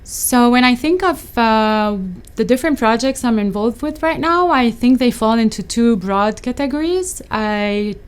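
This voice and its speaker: Middle-aged woman academic from Lebanon, resonant clear tone, measured interview answers with frequent pauses and ums. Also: fairly high pitch, animated. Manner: thoughtful, hesitant, many fillers and restarts. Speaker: associate professor.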